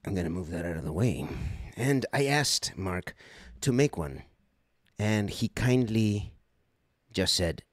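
A voice actor hosting a casual livestream, unboxing fan mail and exclaiming excitedly in a rambling way. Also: male voice, low-pitched, measured pace, dry recording, studio quality.

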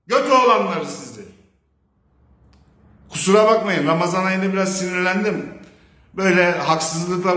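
High-pitched guy ranting hard into the camera, swearing a lot, sharp bright voice, roomy echo. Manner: harsh, profane, confrontational. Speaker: speaker of a public video statement. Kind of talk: heated video message.

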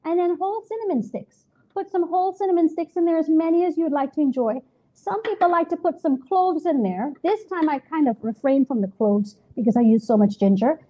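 A middle-aged woman hosts a cooking demonstration in a home kitchen. Her voice sits high but mellow, and she talks upbeat and chatty, laughing easily between steps. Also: fairly quick. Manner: upbeat, laughs often, explains step by step. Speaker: cooking show host.

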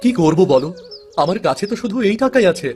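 Acting in a fairy-tale cartoon, a man plays a simple-minded village husband who comes across as childlike, earnest, whiny, naive, and sad. His high voice is very animated and a little mellow, and he talks fast over soft background music.

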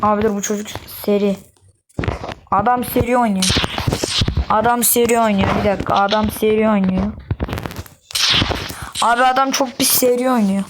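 A young woman giving excitable, casual commentary on her own game play to her viewers, with quick oaths when startled. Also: medium pitch. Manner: excitable, swears under breath, talks to viewers. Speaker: gaming YouTuber. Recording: noisy home recording.

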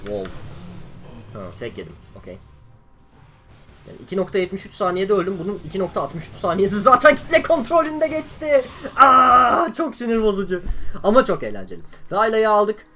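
A young man from Turkey giving excitable live commentary over his own gameplay, exclaiming and grumbling as things go wrong. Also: sits high, brisk, soft background music. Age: young adult. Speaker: gaming YouTuber.

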